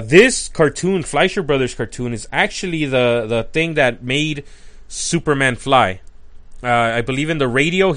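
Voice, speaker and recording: A man talks through an old cartoon in a relaxed, conversational commentary. He sounds openly excited and keeps dropping in casual fillers. His voice sits at an ordinary, middle pitch. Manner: enthusiastic and chatty, with frequent "like" and "uh" fillers. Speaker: cartoon reviewer.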